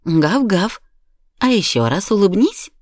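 A woman's voice: mid-range voice, big pitch swings, unhurried, a little mellow, no echo, studio quality, voice pushed up. A woman voicing a cheerful toy dog, playfully coaxing a child with a sing-song tone.

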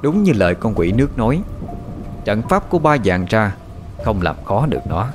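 Expressive male storyteller. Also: fairly low pitch, moderate pace. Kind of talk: scripted horror story narration. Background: faint background music.

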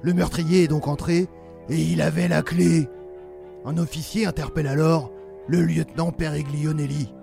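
A man's voice: a little high, little pitch movement, moderate pace, gravelly, mellow, faint music behind. A man narrating a parody crime story in a solemn, mock-dramatic tone for a comedy podcast.

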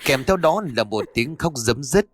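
A man narrating a ghost story in a steady, dramatic way on a close mic. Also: medium pitch, moderate pace. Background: faint music.

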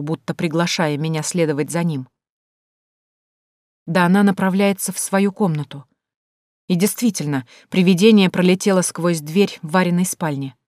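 A woman reads a first-person audiobook in a measured, suspenseful manner. Her voice sits on the low side, recorded close and dry with no room sound. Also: a little mellow, dry recording. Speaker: audiobook narrator.

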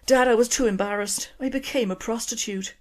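A woman's voice: a little high, a little fast, pitched above the performer's own voice, lightly acted. A woman voicing a grown Irish daughter who speaks in a sheepish, teary way with an Irish accent.

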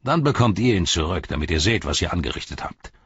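Reading an audiobook, a man voices a dark lord's scornful, gloating herald as he taunts his enemies, in a heavily acted performance. His deep, husky voice carries a mocking edge, moving quickly and swinging widely in pitch as it leaps higher on sharp jabs. The recording is dry and somewhat dull.

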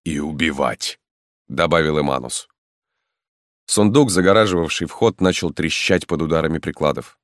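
A man narrating a novel in a measured, solemn reading. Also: rumbling low, no room sound, studio quality. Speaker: audiobook narrator. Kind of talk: scripted narration.

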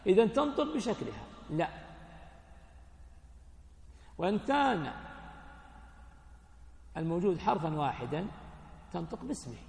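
A sheikh gives a classroom lesson on hadith, his voice pitched high with a gravelly edge. He keeps quizzing his listeners and then answers himself, in plain colloquial explanation. The sound rings through a large hall with a long, echoing tail. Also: big pitch swings, moderate pace, darkish tone. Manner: asks students questions, then answers them himself. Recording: echoey hall with long reverb.

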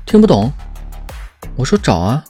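An actor playing a cunning young man who speaks mildly and politely while quietly mocking his rival in an audio drama. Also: medium pitch, wildly swooping pitch, normal speed, soft background music. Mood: coolly polite.

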